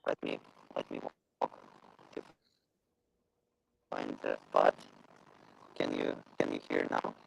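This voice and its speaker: A man on a video call from outdoors, his voice breaking up and crackling over a bad connection as he talks in halting, hesitant phrases. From Ukraine. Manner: hesitant, halting non-native phrasing with many fillers. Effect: bad connection, glitching and crackling breakup. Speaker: filmmaker guest. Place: outdoors on a shoot.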